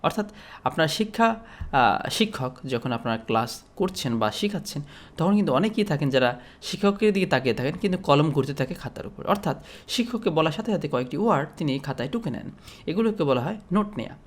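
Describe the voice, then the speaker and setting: A man from Bangladesh giving an explanatory lecture as a teacher, speaking steadily with frequent pauses and fillers. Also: a little high, expressive.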